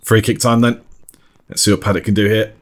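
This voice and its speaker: A lowish-voiced man calls an amateur football match in a relaxed, chatty way. He talks the viewer through each attack and laughs easily along the way. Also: a little fast. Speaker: match commentator. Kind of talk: sports commentary voice-over.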